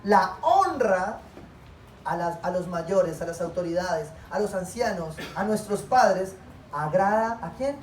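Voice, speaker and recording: A man's voice: high-pitched, animated, slow, slight background noise. A man preaching a sermon as pastor, asking the congregation questions and answering them himself. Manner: call-and-response questions to the congregation. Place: church hall. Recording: echoey hall, voice from far off.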